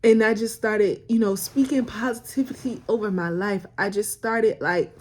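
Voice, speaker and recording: A woman's voice: medium pitch, steady tone, moderate pace, darkish tone. A woman, sharing a personal faith story in a casual, emotional way, close to tears and repeating phrases for emphasis. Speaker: vlogger sharing a faith testimony.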